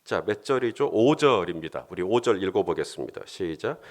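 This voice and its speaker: A man's voice: sits low, expressive, a little fast. A man pastor giving a conversational sermon, sometimes voicing heartfelt prayers with rising emotion and leading the congregation in reading scripture.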